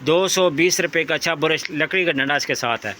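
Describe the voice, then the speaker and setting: A man hosting a shop tour in a sales-pitch style, repeating each item and price as he presents it. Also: a little fast, bright, forceful tone, slight background noise. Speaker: host presenting a wholesale shop's goods and prices.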